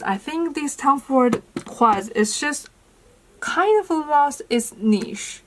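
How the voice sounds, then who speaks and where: Young woman chatting slow about her makeup, lots of um and like. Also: mid-range voice, rough recording. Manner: unhurried, thinking aloud with fillers. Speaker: beauty vlogger. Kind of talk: casual makeup declutter vlog.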